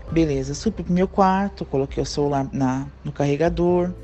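Woman telling a story, mellow voice. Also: low-pitched, moderate pace, faint music behind. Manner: animated, acts out quoted dialogue. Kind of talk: casual personal storytelling.

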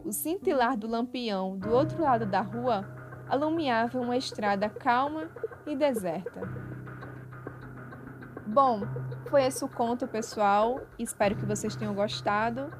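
A woman storyteller reading a short story aloud in a measured, dramatic way. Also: a little high. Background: background music.

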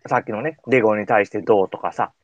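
A man's voice: on the low side, quick pace, dry recording, dull audio. A man with a Kansai accent hosting a radio show in casual, colloquial chat. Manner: informal, colloquial.

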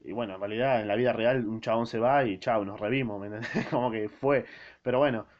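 A man's voice: lowish voice, a little fast. Rambling Argentine man summarizing a book. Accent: Argentine Spanish. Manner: slangy, rambling, self-interrupting. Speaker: podcast host. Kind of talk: casual spoken book summary. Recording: dull lo-fi recording.

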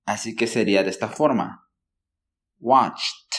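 A man teaching a language lesson, explaining patiently, checking in with listeners often and saying example words slowly for them to copy. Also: medium pitch. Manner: models words slowly for learners. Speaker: English teacher.

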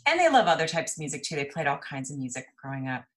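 Woman from el paso, low voice, relaxed, thoughtful, storytelling interview guest. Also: quick pace, poor audio. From El Paso, Texas. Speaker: guest, jazz singer and voice teacher. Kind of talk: interview conversation.

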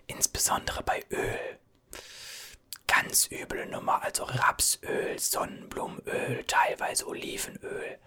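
A man whispering as a chatty, soothing gas station cashier in an ASMR roleplay, reassuring and rambling. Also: bright, forceful tone.

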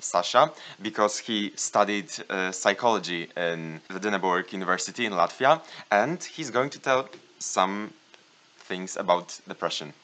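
A man's voice: on the low side, pushed and bright. A young man with a Polish accent speaks as co-host in a casual podcast discussion. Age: young adult.

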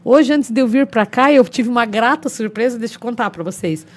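A woman from Brazil, a guest on a podcast, telling anecdotes in a lively, animated way. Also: a little high, brisk. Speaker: podcast guest, local government official. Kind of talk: casual chat, storytelling.

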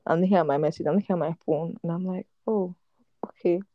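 A woman's voice: on the low side, steady tone, racing, lo-fi sound. A young woman hosting a podcast, telling a long story in casual chat, rambling, laughing, with lots of fillers and restarts. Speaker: podcast host.

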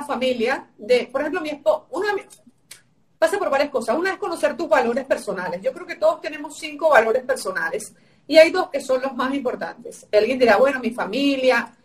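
On a live stream, a guest coach gives emphatic advice, repeating her teaching phrases. Her voice is high and fairly bright but sounds tired and sore-throated, and the mic is distant.

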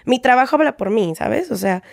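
A woman with a Mexican accent tells a personal story in an animated way, often throwing in tag questions. Her voice sits high. The sound is dry and close, with no room echo. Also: brisk, creaky. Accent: Mexican Spanish. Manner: animated, acts out quoted exchanges, frequent tag questions. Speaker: guest telling a personal story. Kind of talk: casual conversational storytelling.

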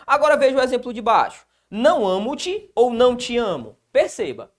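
Male teacher with a Brazilian accent. Animated, wide-ranging delivery that answers his own questions. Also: very high-pitched, normal speed. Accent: Brazilian Portuguese. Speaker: grammar teacher. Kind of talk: exam-prep video lesson.

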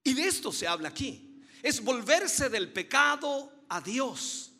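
Man, preacher, fervent sermon, lively swinging pitch, long reverberant hall. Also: slow pace. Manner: fervent, emphatic preaching with rising repeated phrases; addresses listeners as dear brother.

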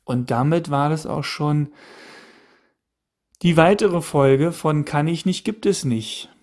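A man's voice: a little high, slow, darkish tone. A man in his thirties hosting a solo podcast, musing aloud with repeated questions and frequent restarts. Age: 30s. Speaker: podcast host. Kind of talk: casual solo podcast monologue.

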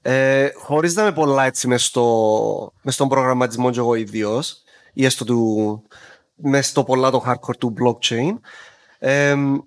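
A man with a Cypriot Greek accent explaining things in a casual conversation, dropping English terms into his informal speech. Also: mid-range voice. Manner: mixes English tech terms into informal Greek, acts out small examples.

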